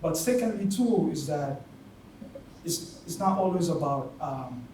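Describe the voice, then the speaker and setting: A man speaks up from the audience, pausing often to find his words. He sits well away from the mic in a strongly echoing hall. A clear hum of room noise runs beneath him. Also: a little high, animated, a little mellow. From Tanzania. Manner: halting, searching for words with many fillers. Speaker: audience member. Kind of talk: spoken remarks at a panel discussion. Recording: very echoey hall from far off, noisy.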